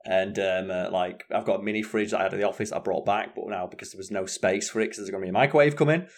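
An English co-host with a low-pitched voice talks quickly on a live stream from his home. He chats casually, rambles, and swears freely.

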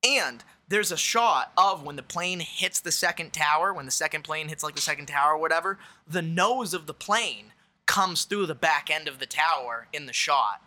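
A man's voice: on the high side, normal speed. A young man in casual conversation, talking animatedly and swearing freely. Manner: animated, swearing, shouts when acting out quotes. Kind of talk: casual chat.

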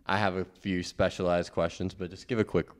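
A man's voice: low voice, flat delivery, brisk. A man hosting a casual podcast, often stumbling and restarting his phrases. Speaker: podcast host.

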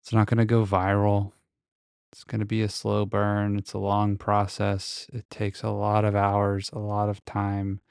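A man's voice: fairly low pitch, completely flat delivery, a little slow, vocal fry, darkish tone, smooth, no echo. A man recording a casual, reflective solo podcast monologue very close to the microphone, speaking in a hesitant, introspective way. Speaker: podcast host.

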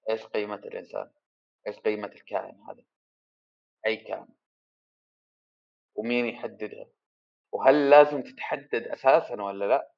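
A man muses aloud through a solo podcast, wandering from one question to the next and poking fun at himself. His voice sits a little low. The home recording sounds muffled and lo-fi. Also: steady tone, a little fast, creaky, long pauses. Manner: rambling, self-deprecating, thinking aloud. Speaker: podcast host. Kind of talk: casual solo podcast monologue.

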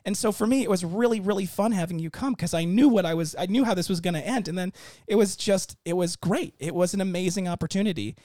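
Fast talking guy, highish voice, animated rambly chat, keeps restarting. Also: dry recording, clean studio sound. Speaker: company founder, guest. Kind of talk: casual interview chat.

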